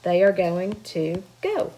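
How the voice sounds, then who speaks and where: A woman's voice: on the low side, very animated, slow pace, mellow. Patient woman teaching a lesson from home. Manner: patient, encouraging, explains step by step. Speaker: Spanish teacher. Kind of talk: recorded remote grammar lesson. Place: at home with children nearby.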